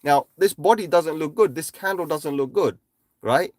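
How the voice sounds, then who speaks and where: A man's voice: on the high side, a little mellow, no echo, studio quality. Emphatic man with a constant "right?". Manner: speaks quickly in bursts, then slows to stress points. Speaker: crypto chart analyst livestreaming. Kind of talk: casual livestream chart walkthrough.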